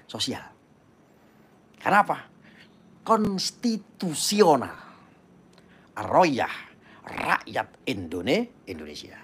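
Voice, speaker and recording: A man's voice: mid-range voice, a bit bright, breathy edge. A man hosting a casual live stream, talking fervently and urging his viewers in a preachy way. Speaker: YouTube channel host.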